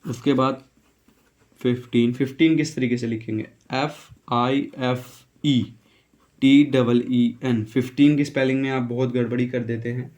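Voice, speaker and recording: A man's voice: medium pitch, steady tone, moderate pace, darkish tone. A male teacher giving a casual spoken lesson, spelling words letter by letter, repeating each pronunciation and checking in with "okay". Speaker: English teacher.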